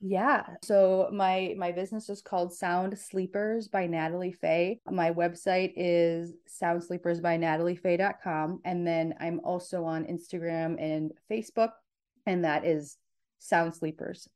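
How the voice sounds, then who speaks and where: A woman in her thirties talks casually as a podcast guest. Her voice sits on the low side. She chats freely and often breaks off to restart a thought. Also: fairly even intonation, a little slow, darkish tone. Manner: chatty, with frequent restarts. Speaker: podcast guest, sleep consultant. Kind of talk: casual interview chat.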